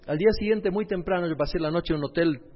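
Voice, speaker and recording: Man, pastor telling his story, slightly high voice, long hall reverb, dull lo-fi sound. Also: fast talker. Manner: storytelling, addresses the audience directly. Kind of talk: personal testimony in a sermon.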